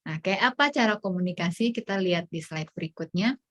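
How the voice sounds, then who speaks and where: A woman's voice: lowish voice, expressive, brisk, fairly bright tone, muffled recording. A woman psychologist giving an online parenting workshop, explaining in a chatty way and acting out what a parent might say. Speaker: child psychologist speaker.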